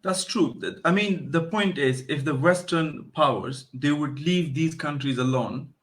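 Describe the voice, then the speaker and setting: A man's voice: on the high side, unhurried, a bit bright. Man explaining at length. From Afghanistan. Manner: explanatory, storytelling, with frequent restarts. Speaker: guest. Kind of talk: casual interview.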